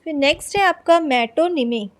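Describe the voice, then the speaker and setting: A woman teaching an exam-prep lesson, explaining in Hindi, reading English definitions aloud slowly, and asking and answering her own questions. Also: high voice.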